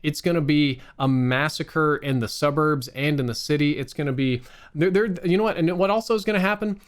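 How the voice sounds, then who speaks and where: An American online streamer goes on a candid, exasperated rant to his viewers, swearing freely and drawing out words for emphasis. His voice is a little high and his pace brisk, and he comes across as profane and fed up.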